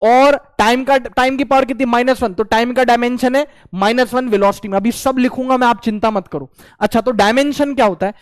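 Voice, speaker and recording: A man's voice: extremely high pitch, steady tone, a little fast, no echo. A young man teaching a physics lesson for exam prep in a playful, slangy way, often acting out his students' replies.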